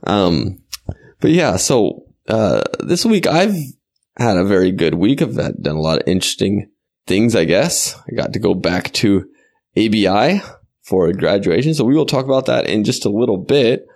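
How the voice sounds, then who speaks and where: Male podcast host, casual, low gravelly voice, recording with a towel over his head. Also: lively intonation, moderate pace. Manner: towel over head, careful not to be loud. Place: small hotel bathroom.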